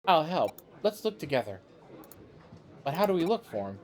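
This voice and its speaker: A man's voice: a little high, sing-song, normal speed. A man streaming a video game live, reading the dialogue aloud and joking about it. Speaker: let's-play streamer.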